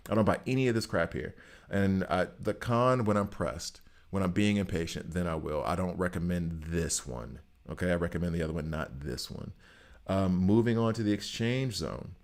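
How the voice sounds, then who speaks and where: A man's voice: sits low, normal speed, gravelly. A man from Alabama with a Southern US accent gives casual game commentary to viewers, repeating phrases for emphasis. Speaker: gaming content creator.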